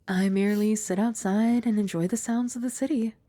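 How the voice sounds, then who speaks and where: In this ASMR roleplay, a young woman plays a composed young maid who is also a childhood friend, speaking formally and politely while teasing gently and dryly. She is soft-spoken, sometimes dropping to a whisper, with a medium-pitched, steady voice that runs a little fast. The mood is calm, the acting light, and there's no echo.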